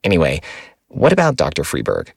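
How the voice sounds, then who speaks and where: A man's voice: a bass voice, huge pitch swings, brisk, creaky, no room sound, studio quality, pitched below the performer's own voice, full character voice. A man voicing an inquisitive teenage boy in an audiobook, in a plain questioning tone. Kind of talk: audiobook character voice.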